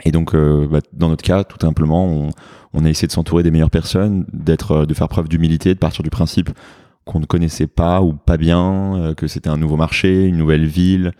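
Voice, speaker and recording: A man's voice: rumbling low, flat delivery, a little fast, warm tone, no echo. A French man with a French accent, a fitness studio founder, speaking hesitantly with many fillers in a business interview. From France.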